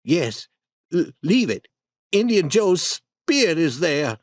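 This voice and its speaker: A reader playing a timid, superstitious boy, somewhat raised in pitch, hesitant and nervous with small stumbles. The sound is dry and close in a storybook reading. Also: big pitch swings, takes it slowly, no echo.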